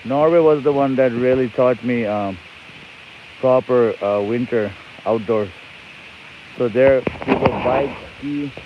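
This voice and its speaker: Riding an e-bike outside, a Nepali livestream host talks casually and happily to his viewers, wandering from thought to thought. He speaks slowly in a mid-range voice, and his lo-fi phone stream picks up heavy outdoor noise.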